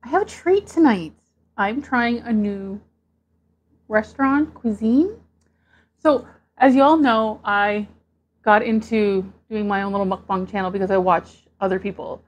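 A woman from Canada hosting her own mukbang video, chatting casually and getting excited over each dish as she unpacks it. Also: mid-range voice, a little slow. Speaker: mukbang host.

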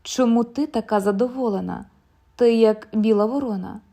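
A woman voicing a stubborn husband eager for one last swim, who later shouts in alarm. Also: on the high side, normal speed, gravelly. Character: man on a beach, stubborn, restless to swim.

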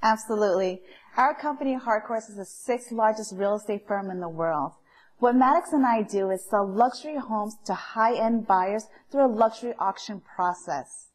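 A confident woman in her thirties gives a promotional real estate pitch to the camera. Her voice is at an ordinary middle pitch. She was recorded indoors from a moderate distance, seated beside a co-host. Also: moderate pace. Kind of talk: scripted sales pitch to camera. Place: bright home interior, indoors.

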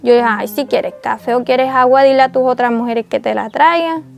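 A woman's voice: sits high, moderate pace, creaky. A young woman telling her own hard story in an interview, acting out the lines of the people in it. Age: young adult. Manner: recounts dialogue, acting out voices of others. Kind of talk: emotional personal testimony.

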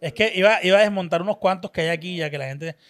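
A man's voice: sits high, fast. A young Colombian man co-hosting a podcast in a studio, teasing his friends and swearing casually. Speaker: podcast co-host. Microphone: studio podcast microphone.

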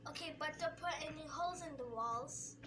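A performer voicing a strict mother who scolds flatly. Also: sits high, moderate pace, a crowd in the background, close to an everyday voice. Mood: stern. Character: strict mom.

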